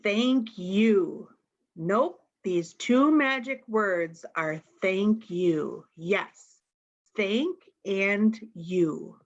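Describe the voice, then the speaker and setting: A storytime reader with a mid-range voice reads a picture book to young children, going slowly and without hurry. She is expressive and addresses the little ones directly, frequently asking questions. The audio is slightly dull and lo-fi.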